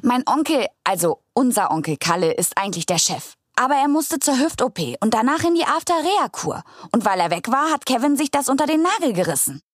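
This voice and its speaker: A friendly, earnest young woman gardener who explains openly, voiced by a woman. Her voice sits high and moves in lively pitch. The recording is dry and close. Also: brisk, hardly any pauses, no room sound. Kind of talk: comedic character sketch.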